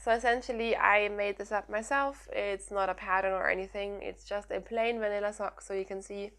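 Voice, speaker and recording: A young woman from Germany hosting a knitting podcast, talking casually and energetically with lots of "um"s, her voice croaky from hay fever and sniffles. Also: mid-range voice, brisk. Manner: chatty and energetic, frequent "um"s. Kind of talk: casual chat to camera.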